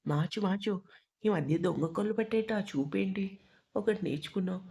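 A woman's voice: medium pitch, normal speed, vocal fry, darkish tone, close to an everyday voice. A woman voicing a caring but commanding young man in an audio storybook, coaxing and teasing in turn.

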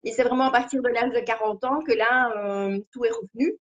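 A woman's voice: fairly high pitch, steady tone, a little fast, lo-fi sound. A woman in her fifties from Belgium with a Liège accent, a guest clairvoyant talking hesitantly on a video call. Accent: Liège Belgian French. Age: 50s. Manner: hesitant, many fillers, laughs nervously. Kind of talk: casual live-stream chat.

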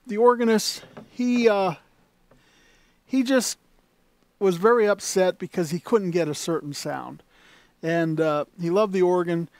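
A man with a high, slightly mellow voice demonstrates an organ in a shop, recorded with no room sound. He sits indoors at the console, talking casually and rambling through many fillers and restarts.

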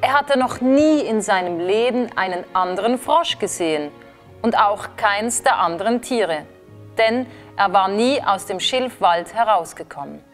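A woman slowly reading a children's story aloud in a gentle storytelling manner. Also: medium pitch, expressive, faint music behind. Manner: slow, gentle storybook narration.

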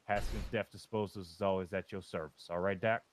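A man's voice: sits low, steady tone, brisk. A man playing a rambling, folksy, boastful undertaker in a western role-play over voice chat. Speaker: roleplayer as undertaker.

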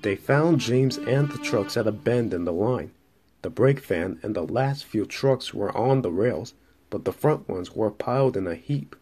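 A man narrating a children's railway story in a measured, steady reading. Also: lowish voice, soft background music.

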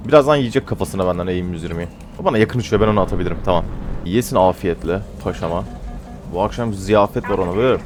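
A man giving casual commentary on his own game, teasing opponents playfully and going loud and high when frustrated. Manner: excitable, trash-talks opponents playfully. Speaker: gamer narrating his own play.

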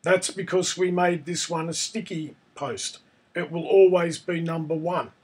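A man presents a casual software tutorial in a noticeably high voice. It sounds husky and croaky, hoarse with a cold, as he talks through each step. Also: steady tone, unhurried. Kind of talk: casual screencast tutorial narration.

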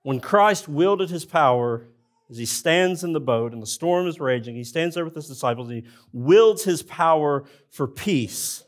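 In a church sanctuary, a pastor preaches a sermon in a fairly high, animated voice at normal speed. He speaks earnestly and addresses the congregation directly.

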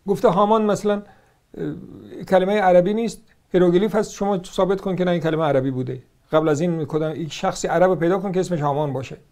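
This is a man with an Iranian Persian accent delivering argumentative religious commentary. His voice sits notably high, and he moves through his points with sarcasm and combative rhetorical questions. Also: darkish tone.

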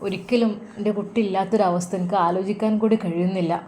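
A woman plays a tender, anxious mother in a storybook, with a lilt. She soothes and pleads in a soft, slightly raised voice. A faint hiss sits under it. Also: medium pitch, fairly even intonation, quick pace, lightly acted.

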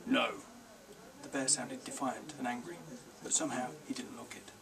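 A man, the author, reading his children's book aloud in a measured, gentle storytelling manner. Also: mid-range voice, fairly even intonation, far from the mic, crowd noise, low-quality recording. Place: live reading event.

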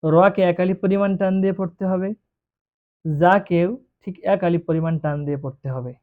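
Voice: mid-range voice, brisk. A Quran reading teacher giving a beginner lesson, patiently drawing out each letter sound to demonstrate it. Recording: tinny phone-like recording.

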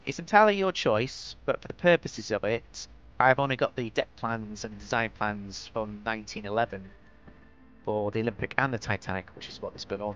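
A man's voice: fairly low pitch, a bit bright. A man from northwest England with a Lancashire accent, giving a casual, rambling, self-deprecating commentary as host of a game-building tutorial. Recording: dull lo-fi mic, clear background noise.

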